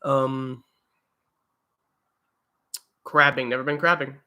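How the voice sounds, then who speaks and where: A man's voice: medium pitch, little pitch movement, slow, sharp tone. A young man hosting a casual livestream, reading viewer comments and rambling with lots of fillers and restarts from home. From eastern United States. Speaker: livestream host. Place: home, indoors.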